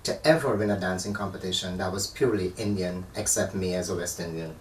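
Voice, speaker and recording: A man's voice: low voice, quick pace. A man from Guyana, a dancer, chatting as an interview guest and telling stories with animation. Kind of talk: casual interview chat. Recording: echoey room, far from the mic, faint noise.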